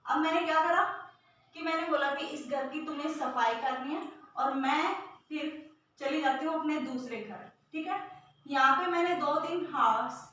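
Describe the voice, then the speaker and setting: Female teacher, high bright voice, patient step-by-step explainer, recorded from afar in an echoey room with faint noise. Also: normal speed, distant mic. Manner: explains step by step, repeats key terms, often checks with "ठीक है". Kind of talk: classroom grammar lesson.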